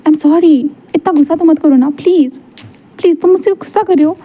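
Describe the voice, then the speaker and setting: A woman's voice: sits high, brisk, dark tone, voice pushed up, natural voice. A woman voicing a young male superstar who begs and pleads over and over in a whiny way. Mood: pleading.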